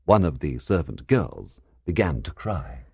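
A man narrating a classic story as a learner audiobook, in clear, measured storytelling. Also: a bass voice, very animated, darkish tone, no echo, clean studio sound.

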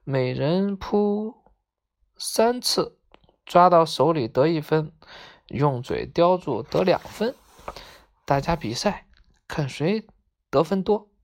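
A woman's voice: low voice, lively intonation, slow, long pauses, full character voice. A woman voicing a bossy young male dog who confidently explains the rules of a game.

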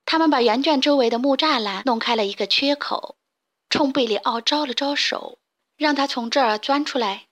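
Woman storyteller, gentle, clear, somewhat high voice, children's story. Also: moderate pace.

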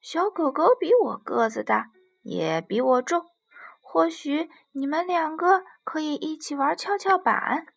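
A woman voicing a lively, excitable little monkey who exclaims loudly in a storybook. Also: high-pitched, measured pace, vocal fry, voice pushed up, full character voice. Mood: excited. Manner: loud, exclaiming.

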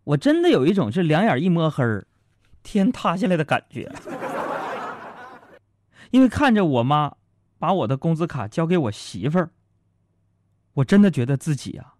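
A radio host with a slightly high, darkish, very animated voice tells comic stories about his marriage, speaking at normal speed with frequent pauses and no room sound. The monologue is chatty and jokey, addressed straight to his listeners.

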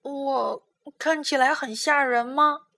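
A woman's voice: high-pitched, fairly even intonation, takes it slowly, vocal fry, bright, forceful tone, exaggerated voice. A woman voicing a timid, furry little monster boy with fangs in a bedtime storybook, speaking shyly and hesitantly with stammers. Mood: surprised.

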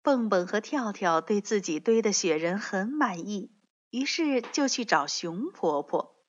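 Slow, expressive woman reading a children's story. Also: medium pitch. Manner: gentle, expressive. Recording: dull lo-fi recording.

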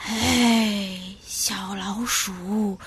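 A woman voicing a kind old male immortal who talks slowly and softly to comfort the small animals. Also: mid-range voice, steady tone, slightly rough, voice pushed down, full character voice. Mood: gentle, soothing. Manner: slow, soothing, soft.

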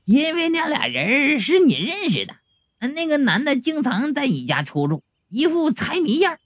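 Guy putting on a squeaky breathy ghost cop, all sighs and gossip, swoops up and down. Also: huge pitch swings, normal speed, fairly bright tone, no room sound, exaggerated voice. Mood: gossipy. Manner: gossipy, sighing "哎呀". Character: bumbling male ghost constable, chatty.

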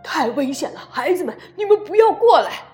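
Woman reader as storybook T-rex dad: big, loving, loud and emotional, high and lively. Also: slow pace, faint music behind. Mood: desperate crying. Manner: calls out loudly, voice cracking with tears.

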